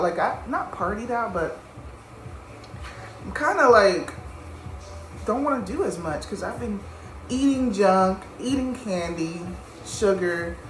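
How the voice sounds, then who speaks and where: A woman in her thirties chatting casually to the camera in a vlog, rambling with lots of fillers while she gets ready at home. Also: medium pitch. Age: 30s. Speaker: vlogger. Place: home room, getting ready. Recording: echoey room with clear background noise.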